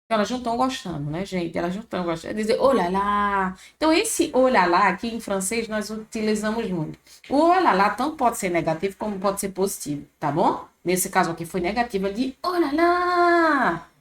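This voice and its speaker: A woman's voice: medium pitch, expressive, a little fast. A woman with a Brazilian Portuguese accent who teaches French, patiently explaining and repeating each word. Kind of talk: casual video lesson.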